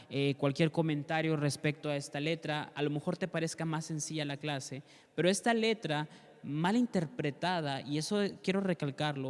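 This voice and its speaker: Male Bible teacher, earnest and direct, smooth slightly high voice, reverberant room. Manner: warm earnest teaching, addresses listener directly. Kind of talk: Bible class with prayer. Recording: long reverb.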